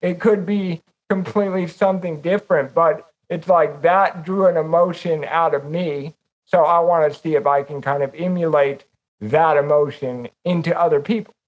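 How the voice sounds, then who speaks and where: A man's voice: fairly high pitch, fairly even intonation, moderate pace, dull audio. A man co-hosting a podcast, talking in a reflective, rambling way about how he makes music. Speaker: podcast co-host. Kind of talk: casual conversation.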